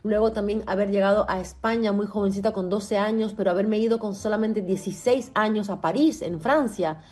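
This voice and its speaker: A Cuban-born woman musician whose native language is French answers interview questions reflectively. Her mid-range voice is husky and slightly mellow, and she speaks earnestly, deliberately, and with careful articulation.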